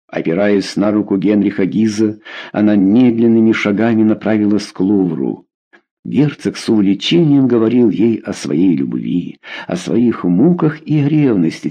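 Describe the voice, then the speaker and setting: A man narrating a historical novel in an expressive, measured audiobook reading. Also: on the low side, slightly rough.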